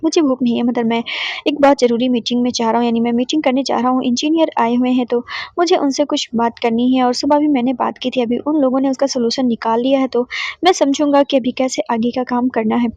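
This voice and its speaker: A woman voicing a calm, stubborn young man who speaks in a cool, teasing and firm way. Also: sits high, fast talker, no echo. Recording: dull, dry lo-fi voice recording.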